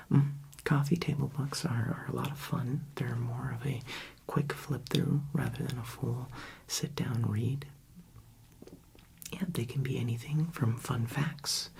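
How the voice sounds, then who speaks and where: A man doing a whispered role-play as a friendly librarian, in a soft library whisper, talking gently and chattily to the listener. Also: mid-range voice. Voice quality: soft, breathy library whisper with gravelly edges. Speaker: ASMR performer playing a friendly librarian.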